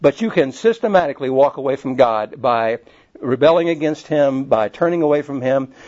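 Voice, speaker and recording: A man's voice: mid-range voice, animated, normal speed, a little mellow. A man preaching a sermon in a conversational, rambling way, often restarting his sentences. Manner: conversational, digressive, with frequent restarts. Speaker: pastor. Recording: slightly dull, lo-fi recording.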